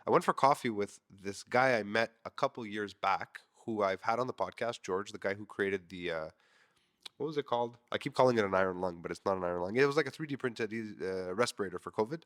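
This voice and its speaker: A podcaster in his thirties talks fast in a loose, candid monologue, swearing freely. His voice is nasal and congested, fairly low in pitch, with a fairly bright tone.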